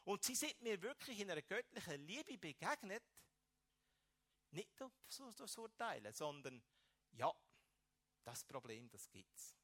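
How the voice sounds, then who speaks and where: A man's voice: high voice, very animated, a little slow, pauses often, a bit bright. A man with a Swiss German accent telling his personal faith testimony to an audience, emotional and with emphatic bursts. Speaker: speaker giving a personal testimony.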